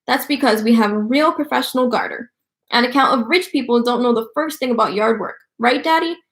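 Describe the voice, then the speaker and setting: A woman's voice: a little high, brisk, lightly acted. A woman voicing a spoiled, bragging rich little girl who talks in a boastful, bouncy way, read aloud from a storybook. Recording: roomy echo.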